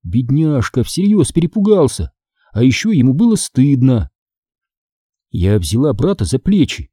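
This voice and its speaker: A man reading a children's story aloud as narrator, with expressive, dramatic pacing. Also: medium pitch, unhurried, husky, no echo, studio quality. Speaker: audiobook narrator.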